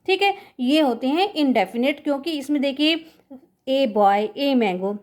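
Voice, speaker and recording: A woman teaching a school English lesson, explaining patiently in a mix of Hindi and English, reading example sentences very slowly and asking and answering her own questions. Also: sits high, lively intonation. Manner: addresses pupils as children, asks and answers her own questions. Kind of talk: recorded class lesson.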